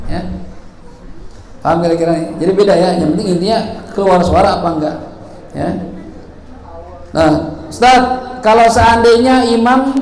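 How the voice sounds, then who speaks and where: High-voiced preacher in echoey hall. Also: male voice, a little mellow. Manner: playful, acts out examples, laughs often. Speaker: religious teacher. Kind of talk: sermon. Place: prayer hall. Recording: echoey hall, faint ambient noise.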